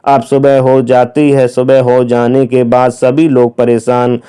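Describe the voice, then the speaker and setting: Slow, clear-voiced male storyteller. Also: mid-range voice, monotone, warm tone. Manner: plain, unhurried retelling with many connecting phrases. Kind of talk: casual crime story narration.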